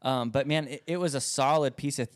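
A man who is a pastor, telling stories in a casual podcast chat with lively delivery. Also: medium pitch, brisk, dry recording, clean studio sound. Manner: lively storyteller, acts out voices in anecdotes.

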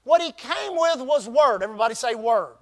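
In this sermon, a pastor with an extremely high, expressive and fairly bright voice prompts the congregation to repeat words back. His key phrases are drawn out emphatically in a call-and-response style.

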